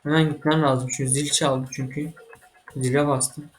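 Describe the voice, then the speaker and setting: A man giving casual let's-play commentary as he plays a computer game, excitable and quick to get frustrated, swearing at the game. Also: a little high, faint music behind. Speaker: gaming channel host.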